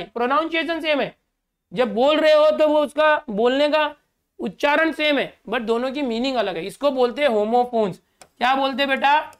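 A man's voice: very high-pitched, a bit bright, clear, resonant tone. Indian man teaching a lesson. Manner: explains in Hindi mixed with English, repeats each word and asks students to repeat. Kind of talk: classroom lecture.

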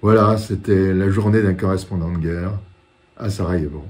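Low-voiced older man, war correspondent recounting. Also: steady tone, darkish tone, a little hiss or hum. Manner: dramatic storytelling with repeated phrases and pauses. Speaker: war correspondent recounting his own reporting. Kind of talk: war correspondent's first-person recollection. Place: living room, indoors.

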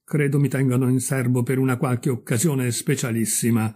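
A pompous firework rocket from a fairy tale, voiced by a man, all self-importance and wounded dignity. The voice is mellow and dark with a faint husk, lofty and self-pitying as it speaks. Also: medium pitch, steady tone, moderate pace, slightly rough, close to an everyday voice. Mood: haughty.

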